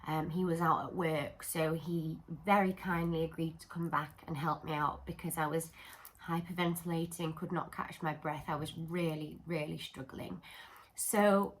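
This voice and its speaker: A woman's voice: deep voice, steady tone, normal speed, low-quality recording. A woman talking candidly to camera about mental health, in an earnest, explanatory way. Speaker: vlogger.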